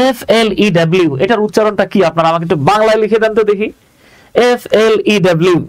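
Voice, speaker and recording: Quick, high-voiced man teaching English. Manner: chatty, asks viewers to check along. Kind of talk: live online lesson.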